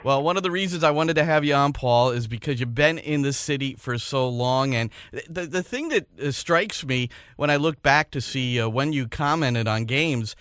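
A man's voice: medium pitch, moderate pace, hardly any pauses, fairly bright tone, clean tone, no room sound, studio quality. A man hosting a radio interview and introducing his guest. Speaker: radio host.

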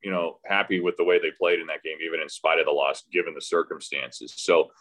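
His voice rumbles low with a steady, slightly bright tone, and he speaks a little fast. The radio play-by-play announcer, here a podcast guest, talks about the game in a casual interview, thinking aloud hesitantly with frequent false starts.

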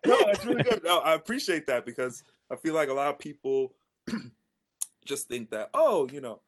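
Upbeat man with a lively voice. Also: on the high side. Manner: upbeat, quick to agree. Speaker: podcast co-host. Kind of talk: casual chat.

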